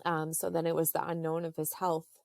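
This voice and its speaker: Low, gravelly woman telling a story slowly. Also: completely flat delivery, a little mellow, dry recording, studio quality. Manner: halting, with many fillers; earnest and faith-filled. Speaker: podcast guest. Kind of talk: personal storytelling in a podcast interview.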